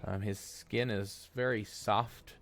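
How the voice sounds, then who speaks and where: A man narrating a tabletop game as game master, slow and hesitant with frequent fillers. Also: lowish voice, steady tone, a bit bright.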